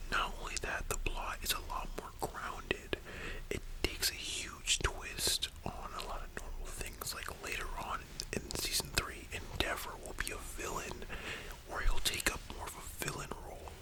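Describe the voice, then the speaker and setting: An ASMR host whispering softly in a library-style whisper, chatting informally with slangy, opinionated fan commentary. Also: normal speed, rough recording. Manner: soft unvoiced whispering throughout.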